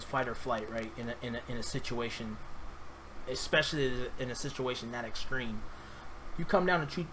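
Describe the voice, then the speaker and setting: A man's voice: medium pitch, pushed and bright, a little hiss or hum, poor audio. A man from New York speaking casually to camera, rambling and earnest, often repeating and restarting his words. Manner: earnest, opinionated. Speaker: vlogger.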